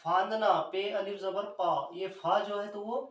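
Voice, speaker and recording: A man's voice: sits high, steady tone, measured pace, distant mic, lo-fi sound. A man teaching an Urdu poetry scansion lesson, spelling out letters one by one in an Indian Urdu accent. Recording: roomy echo, speaker off the mic.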